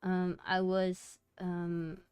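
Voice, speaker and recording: A young woman streams and chats casually with her viewers. She talks softly and rambles, working her thoughts out aloud as she goes. Her voice sits a little low for a woman and sounds smooth and clear, with a close, dry sound. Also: completely flat delivery, extremely slow, dry recording. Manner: rambling, soft-spoken, talks herself through thoughts. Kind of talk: casual chat.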